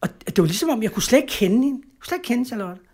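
With a very high-pitched, a little mellow voice and lively intonation, a middle-aged man from Denmark tells his personal story as an interview guest. He halts and repeats words, often finishing with tag questions.

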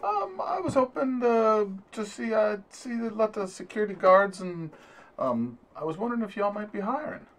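A man's voice: high-pitched, very animated, normal speed, fairly bright tone, pitched above the performer's own voice, exaggerated voice. A man voicing his tabletop game character, a polite job seeker, talking a bit hesitantly. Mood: hopeful.

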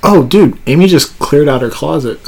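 A man's voice: on the high side, lively intonation, moderate pace, gravelly, a little mellow, slightly rough. A man chatting casually with a friend in slangy, sweary language. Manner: slangy, sweary buddy talk. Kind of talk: casual chat.

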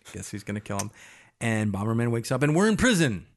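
A man talking loosely about an old video game with his co-hosts. He laughs between lines, swears for emphasis and throws in quick asides. His pitch sits in an ordinary middle range. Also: sing-song. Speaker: podcast co-host. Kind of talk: casual game-retrospective chat.

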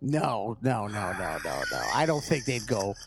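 A man's voice: on the low side, big pitch swings, a little slow, vocal fry, noisy background. A man co-hosting a casual podcast, joking around loosely and swearing a lot. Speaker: podcast co-host. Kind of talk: casual chat. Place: small room with a live stream.

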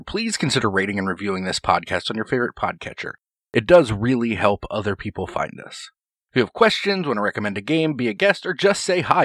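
A man's voice: lowish voice, fairly bright tone, dry recording, clean studio sound. A man hosting and playing on a horror actual play podcast, speaking in a conversational, articulate way. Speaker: podcast host and player.

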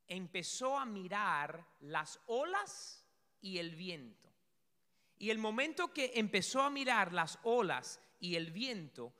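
A male pastor preaching a sermon in an animated way, acting out story scenes and sometimes shouting. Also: sits high. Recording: long hall reverb.

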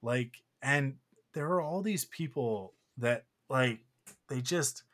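A man's voice: medium pitch, animated, takes it slowly, a bit bright. Rambling, emotional male podcast host. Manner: rambling, emotional, many fillers and restarts. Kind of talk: casual podcast chat.

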